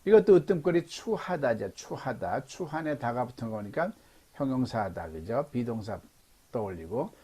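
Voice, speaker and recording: A middle-aged man lectures over a video call, guiding learners through grammar one step at a time. His voice has a husky edge, and his pitch rises and falls with lively energy. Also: moderate pace. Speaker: English teacher. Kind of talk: Zoom lecture.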